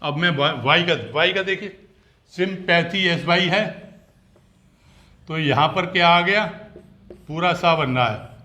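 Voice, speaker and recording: A man's voice: fairly high pitch, unhurried, pauses often, pushed and bright. A man teaching phonics to parents step by step, asking questions and repeating and stretching out words to show their sounds. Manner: explains step by step with many questions.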